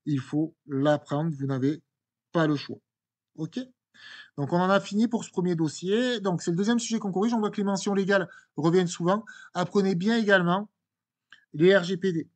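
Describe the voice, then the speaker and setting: A man teaching, walking students through an exam correction in a conversational way, with fillers and restarts. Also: a little high. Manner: conversational, repeats words, many fillers and restarts.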